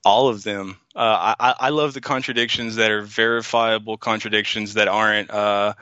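A man co-hosting a livestream, explaining points in a measured way with many fillers and pauses, over muffled audio. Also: on the low side, fairly even intonation, bright, forceful tone, smooth, no room sound. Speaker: co-host. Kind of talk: casual livestream debate chat.

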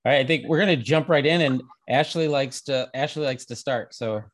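A man's voice: medium pitch, brisk. A man speaking as a podcast host, opening an interview. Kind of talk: welcoming a guest on a show.

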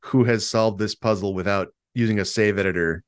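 A man's voice: lowish voice, steady tone, fairly quick, smooth, no echo, clean studio sound. A man hosting a podcast, chatting casually and laughing often. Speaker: podcast host. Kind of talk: casual chat.

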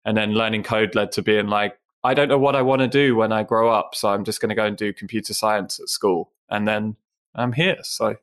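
A man's voice: on the low side, steady tone, a little fast, a bit bright. A man in his thirties from Essex with an English accent, chatting casually and self-deprecatingly as an interview guest. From England (Essex). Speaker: podcast guest.

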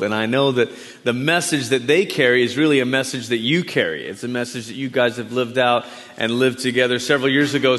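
In a church sanctuary filled with long hall reverb, a Malaysian-raised man introduces his sermon as a guest preacher. He has a mid-range voice and talks warmly and conversationally, often turning to the congregation with friendly asides.

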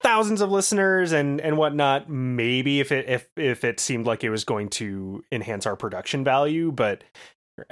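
A man's voice: mid-range voice, lively intonation, normal speed, a bit bright. A man co-hosting a podcast, chatting casually in a laid-back way. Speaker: podcast co-host. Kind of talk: casual chat.

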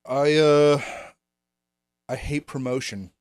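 A man's voice: on the high side, steady tone, takes it slowly, a little mellow, clear, resonant tone, no room sound, clean studio sound. A man talking casually on a podcast as a musician and mixing engineer.

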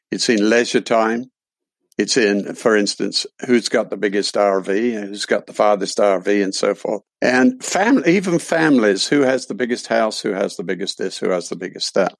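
An older man with an English accent speaks as a podcast guest in a reflective, deliberate way, repeating phrases for weight. His voice is fairly low and the sound is very dry. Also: gravelly, no room sound. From London, England. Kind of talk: reflective explanatory interview talk.

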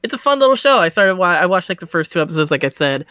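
A man's voice: high voice, rapid-fire, smooth, dry recording. A man co-hosting a podcast in easygoing casual chat, often saying "like" as he talks. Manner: relaxed, easygoing, uses "like" often. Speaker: podcast co-host.

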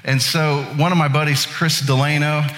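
Standing in the sanctuary of a church hall with long reverb, a late-thirties Indiana pastor relates a folksy, self-deprecating anecdote in a casual sermon. His voice sits on the high side and is fairly bright, with little pitch movement, at a normal speed.

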